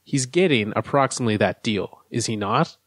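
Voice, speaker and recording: A man's voice: medium pitch, lively intonation, a little fast, no room sound. Dry-sounding analytical man co-hosting. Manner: analytical, lays out arguments step by step. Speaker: podcast co-host. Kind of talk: casual sports chat.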